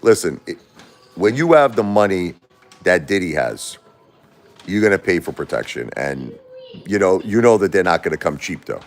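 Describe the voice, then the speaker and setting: Soft music plays behind a Brooklyn, New York man hosting a casual livestream from home. His voice sits low and he's very animated at a moderate pace, bluntly answering viewers, repeating himself and trading jabs with critics.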